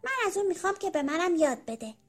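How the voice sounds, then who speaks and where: A tiny green worm full of envy, whining in a very high, tearful voice, as a woman puts it on for a children's storybook. Each line comes out sulky and pleading. Soft music plays faintly behind. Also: expressive. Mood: eager, pleading. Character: small envious green worm, whiny and eager. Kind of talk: storybook character voice.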